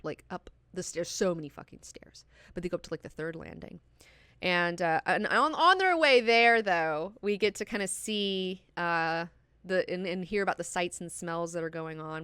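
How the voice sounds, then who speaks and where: A woman hosts a casual book discussion, recapping the story with gusto and plenty of swearing. Her voice is bright and crisp, recorded dry and close. She chats freely with lots of asides. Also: on the low side, moderate pace, no room sound. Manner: enthusiastic, profane, chatty. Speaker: book club host.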